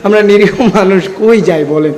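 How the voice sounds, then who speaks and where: A preacher man from Sylhet, Bangladesh, leads a big gathering with a high voice that carries a long reverb. He calls for the crowd to shout responses and throws in jokes, his throat a little strained. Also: moderate pace. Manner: jokes with the audience. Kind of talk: religious sermon to a crowd. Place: large outdoor gathering.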